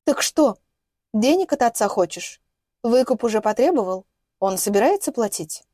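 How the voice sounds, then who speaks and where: Woman doing young female captive, shrill and furious, audiobook. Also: expressive, normal speed, dry recording, studio quality. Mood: defiant. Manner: shouting, hysterical outbursts.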